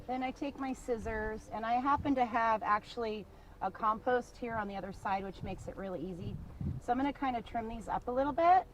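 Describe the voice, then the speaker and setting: A woman's voice: a little high, background noise. A woman on a casual show-and-tell tour of her vegetable garden, chatty and enthusiastic, often laughing. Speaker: small farmer giving a garden tour.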